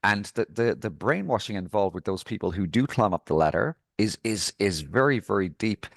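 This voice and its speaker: A man's voice: on the low side, animated, normal speed, creaky, no room sound, clean studio sound. A man hosting a podcast interview, speaking thoughtfully and hesitantly in casual conversation. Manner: thoughtful, hesitant with many restarts. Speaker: podcast host.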